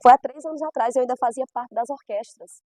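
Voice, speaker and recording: A middle-aged gospel singer from Brazil's Northeast gives her personal testimony, telling her story emphatically and repeating phrases. Her voice is high, brisk, and a little mellow, captured in poor audio with no room sound.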